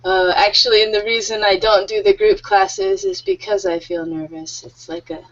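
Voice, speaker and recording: A woman's voice: medium pitch, lively intonation, normal speed, creaky. A woman in her thirties teaching an online English group class, friendly and a little nervous, laughing often. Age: 30s. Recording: muffled lo-fi audio.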